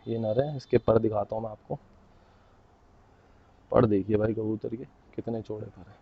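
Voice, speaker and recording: A man showing his pigeons to the camera in a casual, chatty way, often tagging his sentences with a quick "okay?". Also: fairly low pitch, steady tone, gravelly, slightly rough, narrow, tinny audio. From India. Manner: chatty, keeps saying "bhai" and "theek hai". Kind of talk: casual hands-on show-and-tell.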